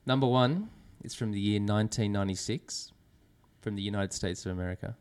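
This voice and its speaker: A man's voice: on the low side, fairly quick, darkish tone, clean tone. A man who is a returning guest on a podcast, reading out film synopses in casual chat and laughing at his own lines.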